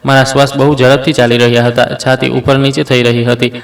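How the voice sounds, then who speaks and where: Flat-voiced male storyteller. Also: mid-range voice, brisk, gravelly. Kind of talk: scripted first-person narration. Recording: roomy echo, distant mic.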